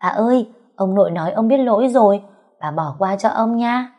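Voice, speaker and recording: A woman's voice: mid-range voice, moderate pace, muffled recording, voice pushed up, natural voice. A woman voicing a small boy who talks in a childlike, wheedling way. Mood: coaxing. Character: small boy, sweet and pleading.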